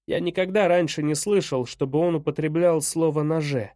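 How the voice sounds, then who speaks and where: A man narrating a first-person audiobook in a measured, even way. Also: fairly high pitch, no echo, studio quality.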